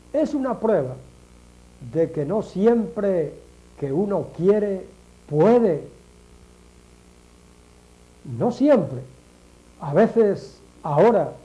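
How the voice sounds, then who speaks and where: Slow, animated high-voiced male preacher. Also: poor audio. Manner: slow, deliberate, repeats phrases for emphasis; addresses listeners directly as friends. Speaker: religious speaker. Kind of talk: reflective sermon.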